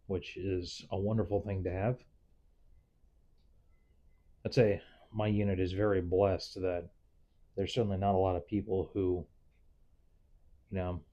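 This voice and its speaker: Man, low-pitched, even delivery, dark relaxed tone, candid, rambling, casual vlog monologue. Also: dull audio. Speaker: nurse and paramedic giving advice.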